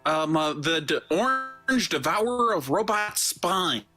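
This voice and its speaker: A man's voice: on the high side, animated, measured pace, bright, forceful tone, faint music behind. A man playing a tabletop game, making rambling, hesitant asides. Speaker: player. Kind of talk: casual tabletop game banter.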